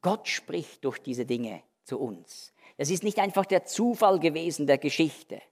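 A man preaching an expository Bible sermon, emphatic, switching between loud stressed words and quiet, low phrases. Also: animated, unhurried, big-room sound.

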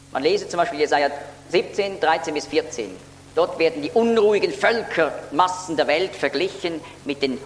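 A man delivers a Bible teaching sermon in an earnest, explanatory way, his fairly high voice lifting to stress key words. The sound rings with long reverb from a large hall, and a faint hum sits underneath. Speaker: preacher.

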